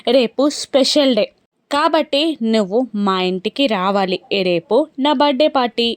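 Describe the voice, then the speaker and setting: A woman's voice: a little high, expressive, moderate pace, no room sound, natural voice. A woman voicing a scheming young woman who teases and pushes her cousin. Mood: teasing. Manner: teasing, insistent.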